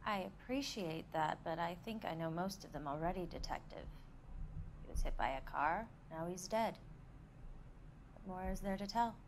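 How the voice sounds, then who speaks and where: An actress playing a cold, unsentimental young 1940s American widow in a video game, guarded and curt. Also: female voice, on the low side, lively intonation, moderate pace, slight background noise, low-quality recording. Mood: cool, unmoved. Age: young adult.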